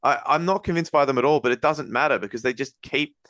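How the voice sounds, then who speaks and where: A man hosting a casual sports podcast, breaking down games in a rapid, rambling analytical way with many restarts. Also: mid-range voice, a bit bright, no echo, clean studio sound. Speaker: podcast host.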